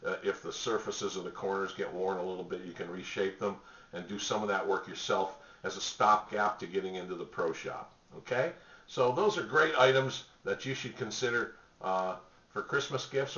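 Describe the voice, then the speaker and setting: A middle-aged man pitching gift products to the camera from a small home office, relaxed and rambling with many fillers. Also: normal speed. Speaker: store spokesman presenting products. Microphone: webcam at desk distance. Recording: roomy, distant, dull webcam audio.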